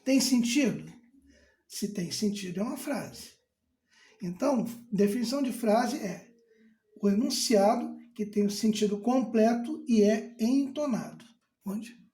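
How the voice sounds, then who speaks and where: Slow, mellow male teacher. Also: high voice, animated. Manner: deliberate, repeats key terms and answers imagined student questions. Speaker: grammar teacher. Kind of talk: casual explanatory lesson. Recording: roomy echo.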